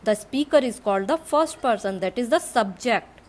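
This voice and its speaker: A woman's voice: fairly high pitch, animated, moderate pace, a little mellow. A woman teacher with an Indian English accent, explaining grammar to students in English and Hindi and repeating the key terms.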